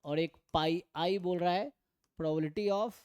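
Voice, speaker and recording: A man with an Indian accent gives a statistics lesson in Hindi and English, talking slowly through the problems and reading each question aloud with care. His voice is mellow and smooth. The sound is dry and close to the mic. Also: sits high, no room sound. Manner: mixes Hindi and English, reads questions out slowly, repeats phrases with "है ना". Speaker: statistics teacher. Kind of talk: online exam-prep lecture solving past questions.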